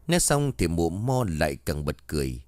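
A man's voice: sits low, very animated, moderate pace, darkish tone, no room sound. A man narrating a horror story from a script, reading every character's lines himself.

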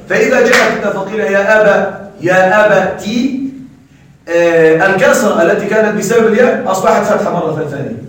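High-voiced male teacher in echoey room. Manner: quizzes students with quick questions. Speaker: Arabic grammar teacher. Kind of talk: classroom lecture. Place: classroom. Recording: very echoey room, mic far off.

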